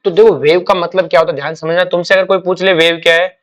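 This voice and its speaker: A man's voice: sits high, flat delivery. A man teaching a chemistry class, explaining with homely examples and often asking students to repeat key words. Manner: asks quick check questions and repeats key words; calls students "beta", uses homely examples. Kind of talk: classroom lecture.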